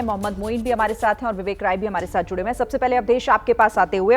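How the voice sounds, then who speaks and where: A woman news anchor reading the news in a crisp, formal manner. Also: on the high side, slight background noise.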